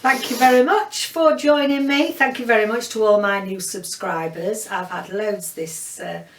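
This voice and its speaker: A woman's voice: medium pitch, normal speed. A woman with a Yorkshire accent chatting rambly about books in a casual vlog wrap-up, with lots of filler words. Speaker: book vlogger. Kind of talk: casual monthly book wrap-up. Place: home room with bookshelves behind her. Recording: roomy, distant mic, faint background hiss.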